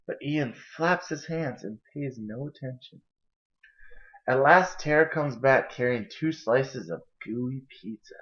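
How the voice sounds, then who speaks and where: A young adult man reads a children's picture book aloud in a storytelling style, with a mid-range, slightly bright voice that takes its time. He is recorded indoors in a kitchen and living room on a camera mic, and the audio sounds dull and lo-fi.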